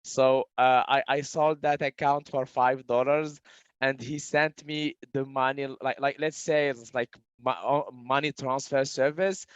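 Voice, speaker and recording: A man in his thirties from Morocco speaks in a smooth, clear voice, halting often with fillers and false starts as he explains his work. The recording sounds dry and a little muffled. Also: mid-range voice, steady tone, no echo. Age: 30s. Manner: hesitant, many fillers and restarts. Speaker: guest entrepreneur. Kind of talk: casual interview answers.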